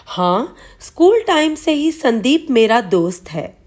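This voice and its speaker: A woman reading the part of a gentle, loving young wife who speaks softly and pleads. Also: a little high, very animated, slow, heavily acted. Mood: affectionate.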